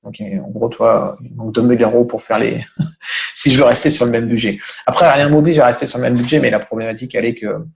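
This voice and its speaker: A man's voice: mid-range voice, fairly even intonation, quick pace, vocal fry. A man being interviewed as a podcast guest, talking casually and thinking aloud as he explains. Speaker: podcast guest, online business owner.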